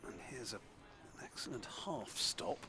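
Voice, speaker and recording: A man giving live cricket commentary in a measured, understated way with wordy phrasing. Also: medium pitch, lively intonation, creaky, a crowd in the background.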